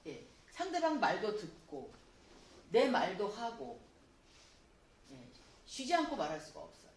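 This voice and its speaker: A woman teaches a spelling lesson, her pitch rising and falling a great deal as she explains patiently. She reads her examples slowly. Her voice comes from a distance in an echoey room. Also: slight background noise. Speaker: Korean spelling instructor. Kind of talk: classroom lecture.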